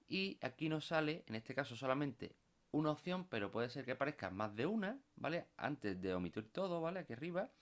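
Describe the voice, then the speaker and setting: Patient man teaching software. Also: medium pitch. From Spain. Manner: patient, explanatory, tags phrases with "¿vale?". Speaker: computer course instructor. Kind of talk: screen-recorded software tutorial.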